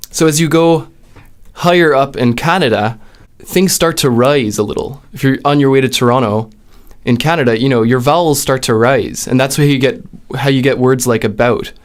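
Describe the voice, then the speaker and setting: Male lesson host, mid-pitched, patient delivery that stretches out the example vowels. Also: clear, resonant tone. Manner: deliberate, drawing out example words and vowel sounds. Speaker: linguistics video host. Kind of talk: explanatory lesson.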